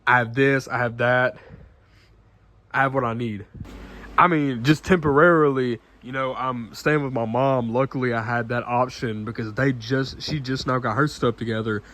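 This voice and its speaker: A nineteen-year-old man talking casually to camera in an earnest, halting way, full of restarts and fillers, often clearing his throat. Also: mid-range voice, fairly even intonation, fairly bright tone. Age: late teens. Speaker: vlogger.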